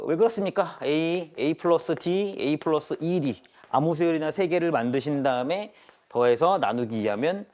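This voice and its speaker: A male math teacher giving a live classroom lecture. He keeps asking students quick questions and drills them with check-ins, mixing polite and casual speech. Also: fairly high pitch, darkish tone.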